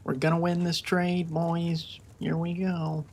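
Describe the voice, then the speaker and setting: Slow gravelly-voiced man hyping a live trade. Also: on the high side, completely flat delivery, a little mellow. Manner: hyped, cheering the market on. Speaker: day trader streaming live. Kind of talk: casual live commentary.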